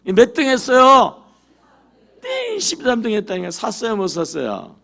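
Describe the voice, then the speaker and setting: A man's voice: a little high, gravelly. A male pastor preaching a sermon to his congregation in a church. He acts out quoted prayers and keeps asking the congregation questions. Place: church sanctuary.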